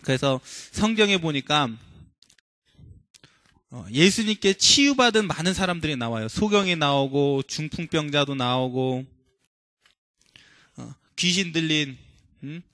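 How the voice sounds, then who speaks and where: A man's voice: fairly high pitch, animated, unhurried, long pauses, sharp tone, dry recording, studio quality. Man preaching a conversational sermon. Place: church.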